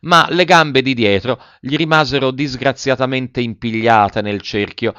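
A man narrating a classic tale as an audiobook, telling it in a lively, expressive way. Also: medium pitch, measured pace, clean tone, no room sound, muffled recording.

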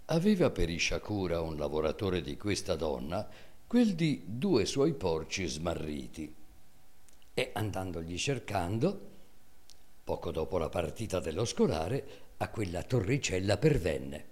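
A man giving a dramatic, measured reading of classic prose. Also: sits low. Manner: expressive, measured storytelling. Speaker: reader.

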